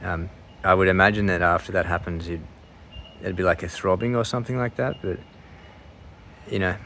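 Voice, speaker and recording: A man's voice: sits low, fairly even intonation, fairly quick, fairly bright tone, a little hiss or hum. A man in his mid thirties chatting casually to his viewers, rambling and hesitant as he breaks into his own sentences. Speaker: vlogger sharing surgery recovery update.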